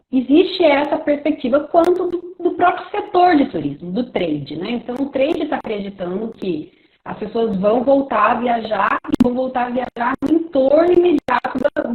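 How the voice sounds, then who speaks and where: A woman professor explaining a prepared outline over a video call, hesitant with many fillers and restarts, her audio choppy and cutting out. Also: sits high. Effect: choppy, cutting-out internet call audio. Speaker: professor giving a talk in a webinar. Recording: tinny, echoey, glitchy call line.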